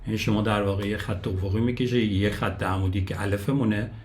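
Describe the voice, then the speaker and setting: Low-voiced man teaching Japanese letters. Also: fairly even intonation, darkish tone. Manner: counts strokes aloud, repeats syllables for learners. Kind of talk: step-by-step language lesson.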